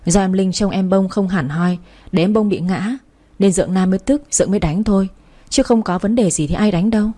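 A woman's voice: medium pitch, a little fast, mellow, natural voice. A woman voicing a middle-aged mother who scolds her daughter yet fears her husband. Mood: scolding, anxious.

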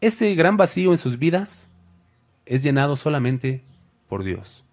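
A man preaching a sermon, who calls his listeners brothers and acts out Bible figures with sudden loud cries. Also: on the high side, sing-song, unhurried.

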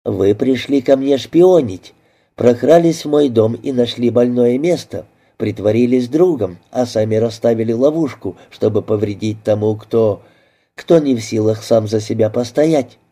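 A man's voice: medium pitch, normal speed, warm tone, lightly acted. A man voicing a defensive, emotional young woman in a detective audiobook, speaking reproachfully. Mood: accusing.

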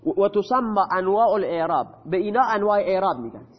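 A man's voice: sits high, lively intonation, long reverb tail, dull audio. A male teacher explaining Arabic grammar in a lesson, asking questions and answering them himself.

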